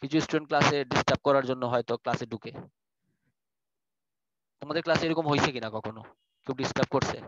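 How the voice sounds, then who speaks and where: A man's voice: mid-range voice, fast, long pauses, highs cut off, noisy background. A man with a Bangladeshi Bengali accent teaching an online class, explaining in a chatty way and dropping in English phrases. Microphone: video call.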